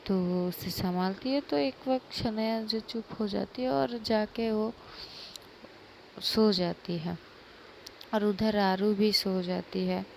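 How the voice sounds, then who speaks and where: A woman tells a story in a casual, chatty manner, narrating at a slow, unhurried pace. Her voice has a gravelly, creaky texture, with faint background ambience behind it. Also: mid-range voice, a little hiss or hum, poor audio. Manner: chatty, repetitive speech tags.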